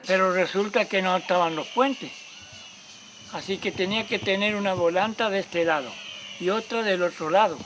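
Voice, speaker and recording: A man's voice: sits high, normal speed, background noise. A man, a local resident explaining the past in a conversational way during a documentary interview. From Argentina.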